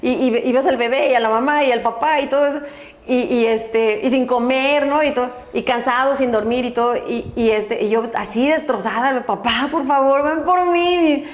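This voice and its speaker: A middle-aged woman with a Mexican accent tells her life story, animated and laughing as she acts out other people's voices. Her voice sits high. The room around her is roomy and echoing. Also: moderate pace. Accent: Mexican Spanish. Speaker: guest, doctor and school director. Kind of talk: storytelling interview. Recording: echoey room.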